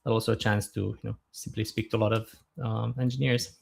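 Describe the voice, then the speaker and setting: A man in his thirties from Romania, a guest on a podcast interview, talking in a relaxed, thoughtful way with frequent fillers. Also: fairly low pitch, fast, vocal fry, slightly rough. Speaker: guest, startup founder.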